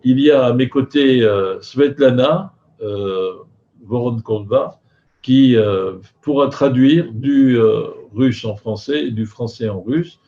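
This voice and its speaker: A man's voice: mid-range voice, dark tone. An older man hosting a live film event, courteous and very hesitant, with slightly slurred speech from loose dentures. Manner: halting, hesitant, courteous, with frequent long filler pauses. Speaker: host of a film festival video conference. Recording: dull video call audio, faint noise.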